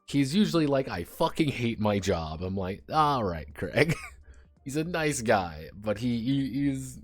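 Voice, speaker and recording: A man's voice: mid-range voice, sing-song, unhurried, faint music behind. A man streaming and chatting casually, rambling, swearing and sardonic about his teaching job.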